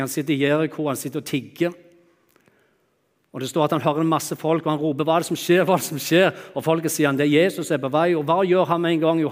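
Preacher man in a reverberant hall. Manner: expressive, swings from loud exclamations to hushed low tones. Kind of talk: sermon.

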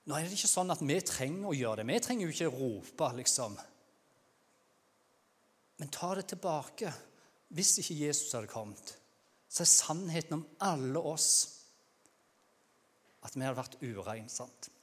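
A man with a Norwegian accent preaching a sermon in a conversational way, now and then acting out loud cries. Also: a little high, animated, long pauses, husky. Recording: long hall reverb.

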